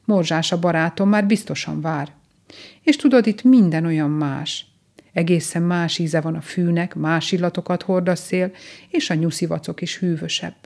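A woman voicing a gentle, homesick young grey rabbit in a storybook reading, speaking softly and wistfully. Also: fairly low pitch, steady tone, gravelly. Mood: pleading. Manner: soft, pleading and wistful.

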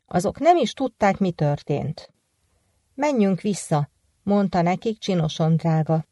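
A woman reading a folk tale aloud as the storyteller, in a steady, measured way. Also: lowish voice, no echo, clean studio sound.

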